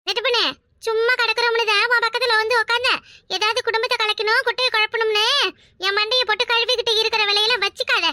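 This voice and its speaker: A woman voicing a brash, quarrelsome village woman in a cartoon, talking loudly and boastfully. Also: very high-pitched, little pitch movement, fast, no room sound, clean studio sound. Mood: defiant. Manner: loud, boastful, argumentative. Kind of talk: cartoon voice acting.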